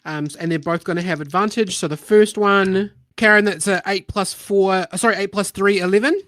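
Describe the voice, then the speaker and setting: A game master narrating a tabletop game, measured and patient, pausing with uh and um. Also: medium pitch, steady tone, a bit bright, no room sound, studio quality. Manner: measured, patient, often says uh and um.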